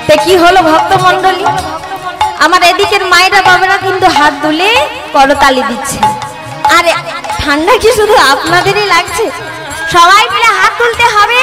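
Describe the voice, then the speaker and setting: A woman with a Bengali accent giving a devotional sermon, coaxing her audience and leading call-and-response chanting. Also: very high voice. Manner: coaxing the audience, rhythmic sing-song delivery. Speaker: kirtan singer and preacher. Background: live devotional music.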